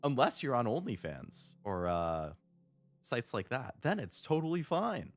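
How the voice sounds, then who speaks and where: A man's voice: mid-range voice, sing-song, measured pace, soft background music. A man streaming a game, rambling in casual chat and laughing often into a desk microphone.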